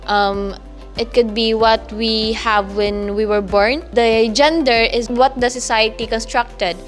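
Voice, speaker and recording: Young Filipina advocate, slow and hesitant, higher voice. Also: female voice, fairly even intonation, soft background music. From Philippines. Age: young adult. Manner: hesitant, with many fillers. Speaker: youth advocate.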